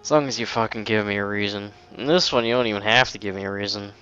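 A man's voice: fairly low pitch, steady tone, fast talker, sharp tone, clear, resonant tone, dull audio. A man giving casual, rambling commentary over a video game, swearing often and mocking himself. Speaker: let's play gamer.

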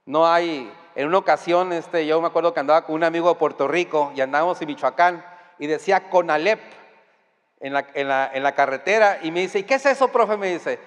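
A man with a Mexican accent delivers a sermon in a high, bright register. He talks to the congregation in a conversational way and pushes to loud, emphatic peaks. A long reverb hangs on his voice in the hall. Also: brisk. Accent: Mexican Spanish. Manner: conversational, addressing the congregation directly. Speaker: preacher. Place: church hall.

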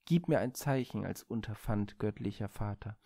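A man's voice: fairly low pitch, normal speed, creaky, mellow, no room sound, clean studio sound. A man voicing Phaethon, a proud yet earnest young man who speaks hesitantly and pleadingly to his divine father in a storybook reading.

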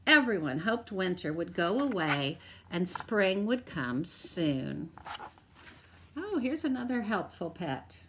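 A woman teacher reading a picture book aloud to children, expressive, with drawn-out emphasis and asides to her listeners. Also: fairly low pitch, slight background noise.

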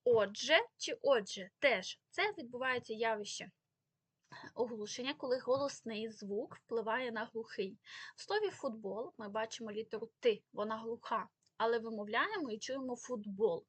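A woman's voice: on the high side, normal speed, a bit bright, husky, dry recording. A woman giving a spelling lesson, explaining rules and carefully stressing the example words. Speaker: language teacher.

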